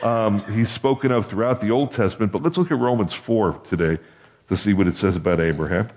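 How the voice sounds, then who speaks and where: Briskly delivering a conversational sermon, a male pastor with a fairly low, slightly mellow voice often asks his congregation questions. The recording has long hall reverb.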